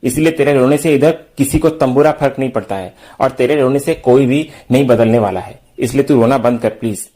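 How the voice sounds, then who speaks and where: A hot-tempered young man with blunt street slang and threats, read out by a male narrator. The voice stays mellow and darkish at a middle pitch. He sounds blunt and pushy. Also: fairly quick, few pauses, close to an everyday voice.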